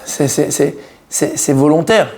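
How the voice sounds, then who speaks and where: A little high and a little slow, the voice belongs to a man teaching Torah in French. He quizzes the class with animation, goes over key points repeatedly and uses Hebrew terms throughout.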